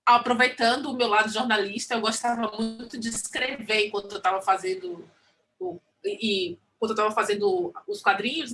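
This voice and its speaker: A woman's voice: on the high side, sharp tone, slight background noise. A woman with a Brazilian Portuguese accent, a comics artist chatting casually on a panel in a rambling, self-mocking way.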